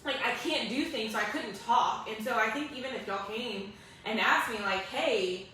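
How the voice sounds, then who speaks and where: A woman's voice: fairly high pitch, normal speed, pushed and bright. Earnest young woman, echoey room. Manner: earnest, emotional, many fillers. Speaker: guest sharing her story. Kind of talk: emotional personal storytelling. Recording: echoey room, distant mic, faint hiss.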